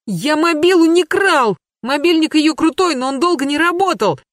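A reader voicing a frightened but defiant eight-year-old boy who wails and protests in a high, shrill voice. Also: animated, normal speed, fairly bright tone, no room sound, studio quality. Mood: scared, stubborn. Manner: shrill wailing. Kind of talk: audiobook character voice.

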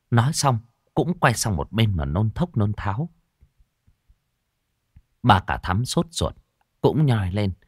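A man narrating a ghost story in an expressive, dramatic way, dropping to hushes and rising again. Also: fairly low pitch, husky, no room sound, clean studio sound. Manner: expressive, swinging between hushed and loud.

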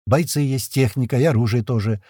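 A man reading the part of a calm, composed colonel from another world, speaking in a measured, persuasive way. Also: mid-range voice, breathy edge, no echo, studio quality, natural voice. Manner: measured, persuasive, level-headed.

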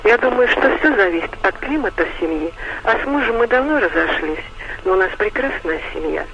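A woman in her late forties calling in to a radio show, telling her story in a steady, matter-of-fact way. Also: mid-range voice, brisk. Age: 40s. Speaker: caller. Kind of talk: phone-in call to radio. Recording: muffled phone line with faint noise.

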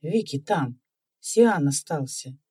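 A woman voicing an anxious young boy from the neighbourhood, speaking in a hurried, pleading way. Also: sits low, animated, mellow, breathy edge, voice pushed down, heavily acted.

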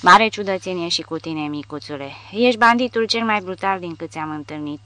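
A woman's voice: on the low side, bright, forceful tone, no room sound. A woman reading the lines of a naive, hopeful young male officer held in a cell. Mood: fond.

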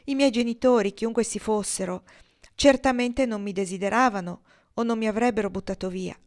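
An insecure man pours out his fears in a raised, agitated voice, as a woman reads him aloud. The audiobook delivery stays close to a reader's own mid-range tone, pushed higher and louder when he presses his point. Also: fairly quick, lightly acted. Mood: bitter. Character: anguished adult man, insecure, pleading.

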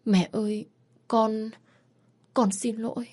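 A woman voicing a frightened seventeen-year-old girl who pleads in halting, apologetic bits. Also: medium pitch, a little mellow, pitched above the performer's own voice, lightly acted. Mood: pleading.

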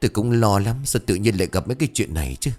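A man's voice: on the low side, lively intonation, very fast, a little mellow, soft background music. A man voicing a frightened village husband who stammers and stumbles over his words in a ghost story. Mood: anxious.

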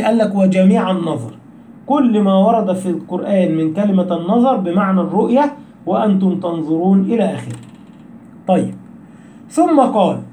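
A man's voice: sits high, dark tone, a little hiss or hum. A man with an Egyptian accent teaching Quran recitation rules, asking his listeners questions and answering them himself. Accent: Egyptian Arabic. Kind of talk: explanatory lesson. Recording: echoey room.

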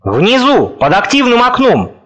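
Guy reading a nervy old professor in an audiobook, fussing, slow worried questions, voice jumps around a lot. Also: very high voice, huge pitch swings, a bit bright, highs cut off, voice pushed up, heavily acted. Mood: anxious. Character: fussy anxious elderly male professor.

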